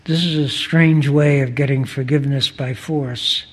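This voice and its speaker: A man reading aloud the lines of a kindly, revered spiritual master who speaks gently but firmly. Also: mid-range voice, fairly even intonation, a little slow, close to an everyday voice. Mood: gentle. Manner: gentle, firm.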